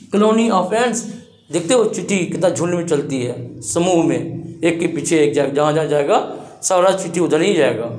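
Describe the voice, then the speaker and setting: A man teaching an English grammar lesson to students in a classroom. He drags out the English phrases slowly and keeps checking in with tag questions. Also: high-pitched, echoey room, rough recording.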